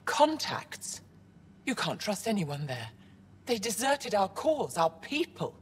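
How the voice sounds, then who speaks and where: In a dramatic video game performance, an actress voices a dignified older female alien scholar, speaking formally and with authority in an indignant, commanding mood. Her medium-pitched delivery is very animated yet slow. A long reverb tail and slight hiss or hum color the audio.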